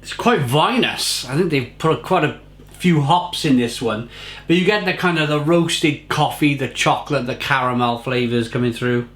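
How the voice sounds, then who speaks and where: A man's voice: mid-range voice, moderate pace, a bit bright. A man giving a casual, effusive beer tasting review, often repeating phrases for emphasis.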